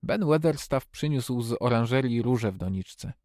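A man narrating a storybook in a steady, measured reading voice. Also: medium pitch, dry recording, studio quality. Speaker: audiobook narrator.

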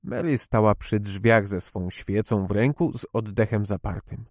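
A man narrating a classic children's novel in a slow, measured storytelling manner. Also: fairly low pitch, darkish tone, dry recording, studio quality. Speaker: audiobook narrator. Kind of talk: scripted narration.

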